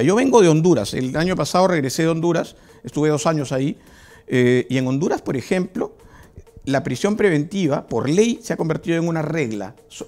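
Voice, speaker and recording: A man, a lawyer, speaking in a panel discussion in a measured way with frequent hesitations and fillers. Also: on the high side, a little mellow. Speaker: lawyer and political candidate.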